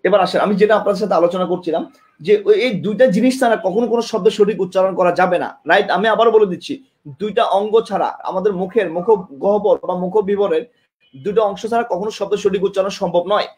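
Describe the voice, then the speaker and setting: A man's voice: sits high, fairly even intonation, fast, darkish tone. A man teaching an online exam-prep class, often repeating himself and asking students questions, recorded by a camera mic in a classroom with a board. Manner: demonstrates with tongue and lips.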